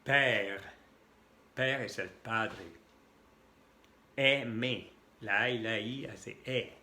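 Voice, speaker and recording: French-accented male tutor, unhurried, roomy echo. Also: on the low side, bright, forceful tone. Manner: spells out letters and repeats sounds patiently. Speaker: French teacher. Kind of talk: slow language lesson.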